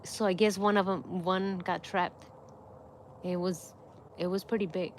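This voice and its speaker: A woman's voice: lowish voice, flat delivery, measured pace, slight background noise. A middle-aged woman hosting a livestream and telling a story to her viewers in a casual way, laughing often as she goes. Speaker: livestream host.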